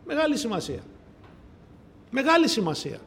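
A man with a notably high voice preaches a sermon. He asks his listeners rhetorical questions and repeats phrases for weight. His delivery moves from loud declarations to quiet, low asides. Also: sing-song. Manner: swings between loud declarations and soft asides.

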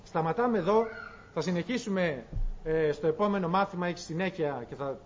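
A man's voice: sits high, a little hiss or hum. A man teaching a Bible lesson, preaching emphatically with rhetorical questions and dramatized scripture, on a dull lo-fi recording.

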